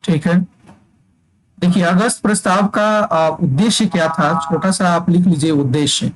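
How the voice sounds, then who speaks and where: A man's voice: high-pitched, moderate pace, low-quality recording. A male teacher giving an exam-prep lecture, dictating points for students to write down and checking that they follow.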